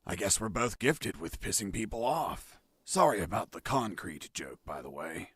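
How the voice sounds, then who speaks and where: An actor playing a wry, cool-headed secret agent on the run in a video game, with terse deadpan delivery. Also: male voice, fairly low pitch, moderate pace, background noise. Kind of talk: video game dialogue and narration. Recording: music behind.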